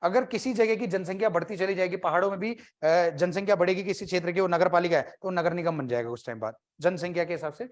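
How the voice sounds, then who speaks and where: A man's voice: high voice, quick pace, few pauses. A man teaching an exam-prep class, talking conversationally, quizzing his students and cracking jokes.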